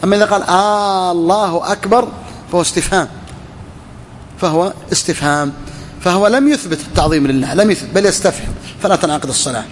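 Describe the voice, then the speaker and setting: A man's voice: fairly high pitch, lively intonation, racing, slight background noise. A man teaching a legal text, with a touch, who repeats key phrases, asks and answers his own questions, and drawls out words to demonstrate. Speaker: sheikh teaching a fiqh text. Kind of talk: explaining a classical text to students.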